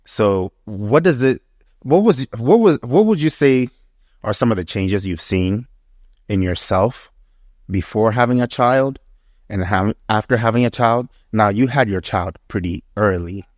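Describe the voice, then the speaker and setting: Man, twenties, podcast host, low voice, slangy animated storytelling, dry recording. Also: unhurried, no room sound. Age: 20s. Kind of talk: casual podcast conversation.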